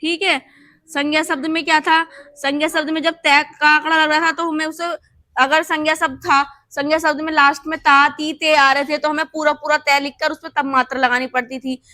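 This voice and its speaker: Bright, high-voiced woman teaching shorthand. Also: flat delivery, fairly quick, dry recording. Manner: patient, repeats steps with "thik hai" checks. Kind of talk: explaining while writing on a board.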